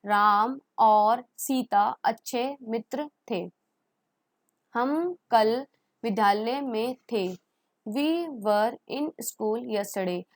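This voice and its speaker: A woman teaching English grammar. She explains each rule step by step, says the English example sentences very slowly, and acts out everyday questions in a chatty tone. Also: fairly high pitch, no room sound. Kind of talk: grammar lesson.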